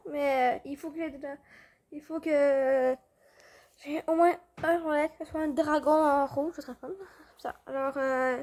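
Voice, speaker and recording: A woman's voice: sits high, darkish tone. A young woman, chatting casually over a game with fillers and restarts. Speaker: gaming video host. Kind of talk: casual gameplay commentary.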